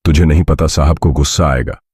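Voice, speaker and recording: A man voicing a nervous male henchman who urges caution anxiously, in a husky low voice. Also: steady tone, brisk, a little mellow, no echo, studio quality, exaggerated voice.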